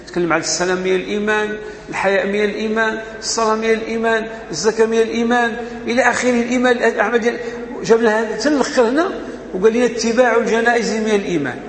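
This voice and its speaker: Speaking very fast in a high-sitting voice with fairly even intonation, a Moroccan-accented religious teacher delivers a forceful lesson on faith. He raises rhetorical questions and supplies his own answers, his words echoing through a hall with faint noise in the background.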